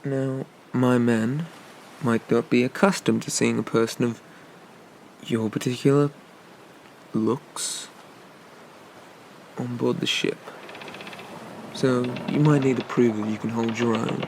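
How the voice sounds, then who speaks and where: Faint noise sits behind a roguish, gentlemanly pirate captain, played by a man in an ASMR ASMR role-play. He talks very slowly, with a creaky, gravelly edge. His manner is flirty and teasing, with murmured asides. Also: mid-range voice, fairly even intonation, rough recording.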